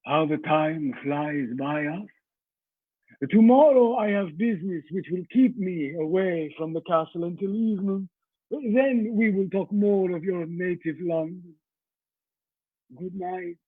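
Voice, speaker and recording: Slow, high-voiced Count Dracula. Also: male voice, slightly rough, no room sound, narrow, tinny audio. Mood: brooding, courtly. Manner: formal, deliberate, ominous. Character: courtly, menacing ancient vampire count in his castle. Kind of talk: radio play acting.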